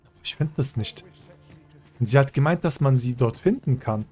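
A man's voice: mid-range voice, lively intonation, normal speed, warm tone, soft background music. Chatty man commenting on gameplay. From German-speaking country. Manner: chatty and joking, talks to game characters. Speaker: let's play host.

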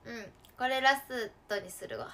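A woman game streamer talks casually to her viewers as she plays. Her voice sits a little high. She laughs a lot and now and then blurts out a loud cry. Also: very animated, normal speed. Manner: chatty, laughing often, with sudden loud outbursts. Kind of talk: casual live-stream chat while gaming.

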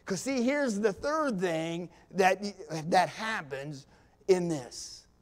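A man preaches slowly to his congregation in a slightly high voice, taking long pauses. He sinks to hushed near-whispers, then swells to loud, fervent climaxes. Folksy asides and small laughs lighten his delivery. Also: lively intonation. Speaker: pastor. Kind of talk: sermon. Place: church sanctuary.

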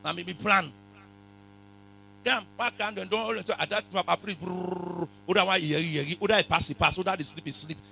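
A man with a West African accent preaching a sermon in a raspy voice, forcefully repeating phrases and questioning his congregation, sometimes in pidgin. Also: sits high, fairly quick, slight background noise. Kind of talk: animated sermon, code-switching into pidgin. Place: church hall full of congregation.

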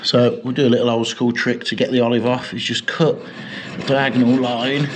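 A man's voice: mid-range voice, flat delivery, moderate pace. A man, a plumber chatting and explaining as he works, a little self-mocking. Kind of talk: work vlog narration. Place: living room in a house, indoors.

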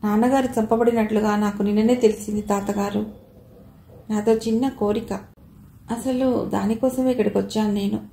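A woman's voice: mid-range voice, steady tone, normal speed, gravelly, mellow, slight background noise, natural voice. A woman reading as an earnest young woman. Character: earnest, polite young woman, eager and respectful. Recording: roomy echo.

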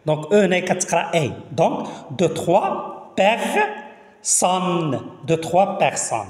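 A man with a Moroccan Arabic accent teaching French. He reads the words slowly, repeats them and explains each one to his listeners. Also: a little high, animated, a little mellow. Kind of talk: language lesson explaining in Arabic. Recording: echoey room with long reverb.

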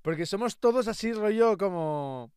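A young man with a Spain Spanish accent talks on a casual livestream, excitable and quick to swear or tease his friends. His voice sits a little high and sounds smooth. The close microphone is dry, with no room sound. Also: no room sound. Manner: excitable, swears freely, jokey insults. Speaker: streamer. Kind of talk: casual livestream chat reacting to fan art.

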